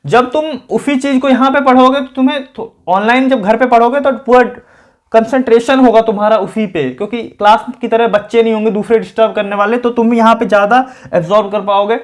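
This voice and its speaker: High-voiced young man giving study tips. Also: steady tone, fairly quick. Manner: chatty, addresses viewers directly and repeats points. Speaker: student tutor on his own channel. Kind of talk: casual advice talk to students.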